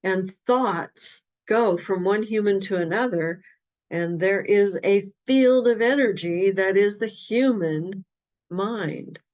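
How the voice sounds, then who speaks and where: A woman's voice: medium pitch, takes it slowly, darkish tone. A woman talking in an earnest, reflective way in casual conversation. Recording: dull lo-fi sound.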